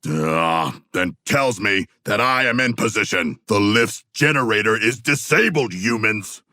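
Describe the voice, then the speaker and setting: A male actor voicing a huge, earnest, literal-minded shark-man warrior in a video game, with a deep, gravelly voice and formal, stilted phrasing. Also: measured pace, pushed and bright, no room sound, clean studio sound. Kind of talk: video game character voice lines.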